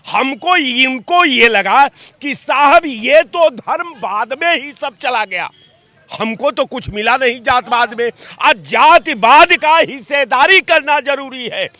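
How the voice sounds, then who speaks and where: Slow man quoting verse in a debate. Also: extremely high pitch, bright, forceful tone, dry recording. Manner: slow, quotes poetry between points. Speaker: debate panelist.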